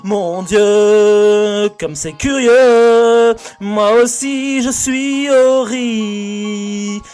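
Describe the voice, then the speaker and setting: A man singing as a stiff, formal gentleman. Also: sits high, steady tone, drawn-out words, faint music behind. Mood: mock-solemn. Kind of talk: sung comic parody of theatre lines.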